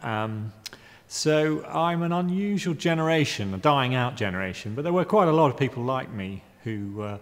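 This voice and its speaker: A man's voice: mid-range voice, lively intonation, moderate pace, hardly any pauses. A man in his fifties from Guyana, an artist giving hesitant, wry interview answers with many ums and restarts. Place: art gallery exhibition space. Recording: reverberant room.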